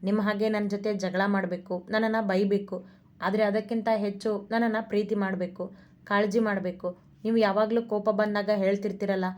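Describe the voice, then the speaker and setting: A woman's voice: medium pitch, a little mellow, natural voice. A woman voicing a proud, blunt young man who is a devoted son, speaking firmly.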